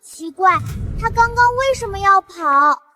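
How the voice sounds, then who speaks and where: A performer voicing an outspoken, sharp-eyed little girl who comments on a costume drama in her inner voice. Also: extremely high pitch, animated, soft background music, exaggerated voice. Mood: indignant. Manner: indignant, quick to spot tricks.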